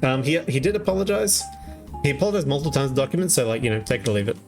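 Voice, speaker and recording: A man's voice: medium pitch, rapid-fire, creaky, faint music behind. A young Australian man streaming, recapping online drama in rambling, casual chat with many fillers and frequent laughs. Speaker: VTuber streamer.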